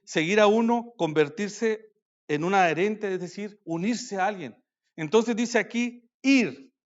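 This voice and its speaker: A man preaching a sermon at a church conference, calling out to his listeners as brothers and swinging between loud declarations and quiet asides. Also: sits high, highs cut off.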